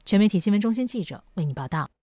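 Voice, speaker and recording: A woman's voice: mid-range voice, animated, very fast, dark tone, no room sound. A woman reading scripted news narration as a reporter's voice-over.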